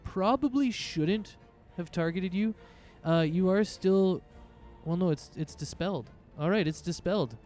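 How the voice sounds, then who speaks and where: A man with a slightly high voice acts as game master, narrating casually and thinking aloud. Faint music plays behind him. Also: unhurried, darkish tone.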